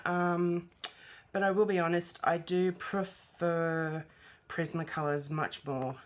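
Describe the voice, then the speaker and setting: Slow, breathless, nasal woman vlogger. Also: on the low side, flat delivery. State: congested. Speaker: colouring channel host. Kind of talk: casual vlog chat.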